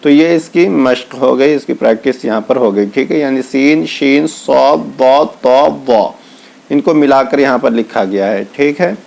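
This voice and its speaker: Slow, patient male Quran reading teacher. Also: medium pitch, vocal fry, a little mellow. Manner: calls out letters slowly, then explains patiently. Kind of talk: slow step-by-step lesson.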